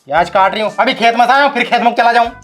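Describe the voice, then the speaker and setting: A woman playing a gruff old village farmer father-in-law in a rustic comedy skit, grumbling. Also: on the high side, racing, soft background music, lightly acted.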